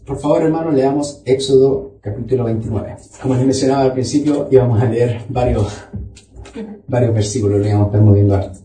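A man preaches a Bible study, reading scripture aloud to his congregation. His voice is dark and mellow, and it comes from a distance in a roomy, echoing church hall. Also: medium pitch, fairly quick. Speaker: pastor. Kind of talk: sermon. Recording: echoey room, voice from far off.

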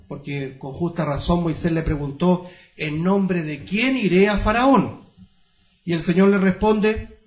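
A man preaching a Bible-study sermon, reading scripture slowly with stress on each phrase and calling his listeners brothers with rhetorical questions. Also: high-pitched, echoey room, muffled recording.

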